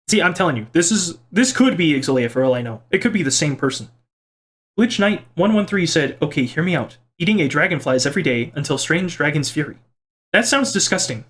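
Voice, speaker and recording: A young man with a slightly high voice chats into a desk microphone at home, reading out viewer comments. He rambles playfully and is easily amused, drifting from one remark to the next. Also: fairly bright tone. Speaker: gaming vlogger reading comments. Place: home room by a computer. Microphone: desk microphone at a computer.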